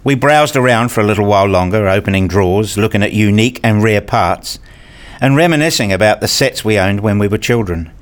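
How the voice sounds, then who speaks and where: With a lowish voice and a fairly quick, lightly acted delivery, an actor voices a curious, enthusiastic adult recounting his visit in a radio drama. The script mixes first-person narration with acted dialogue, and the tone stays measured and reflective.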